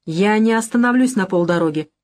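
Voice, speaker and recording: A woman's voice: mid-range voice, brisk, a little mellow, close to an everyday voice. A woman reading an audiobook, voicing an earnest young man who speaks firmly and seriously. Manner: earnest, firm.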